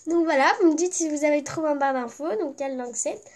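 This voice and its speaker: A woman with a stuffy, congested voice from a cold chats casually to her viewers. Her voice sits high, and she rambles from one thought to the next, padding her sentences with fillers. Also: fast, darkish tone. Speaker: vlogger. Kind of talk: casual vlog chat.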